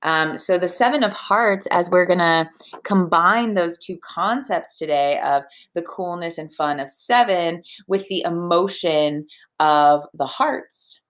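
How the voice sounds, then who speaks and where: Young female podcast host, casual and chatty, emotional and upbeat, slightly low-pitched. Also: a little slow. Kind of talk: casual spiritual podcast talk.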